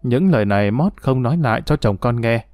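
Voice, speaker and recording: A man narrating a story in a steady, even storytelling manner. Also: mid-range voice, a little fast, no echo, clean studio sound. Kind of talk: audiobook story reading.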